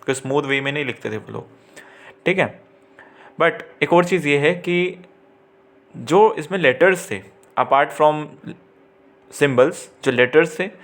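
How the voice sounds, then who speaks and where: A male teacher talking students through a chapter in an easy, conversational way. His voice sits at an ordinary middle pitch. He keeps checking in with the class and fixing his own slips as he goes. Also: a bit bright. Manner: conversational, often checks in and corrects himself. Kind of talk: exam-prep lecture.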